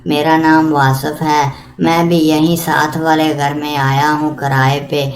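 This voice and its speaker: A woman reading the lines of a kind, caring young male lawyer in a storybook tale, in a gentle, reassuring way. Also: deep voice, little pitch movement.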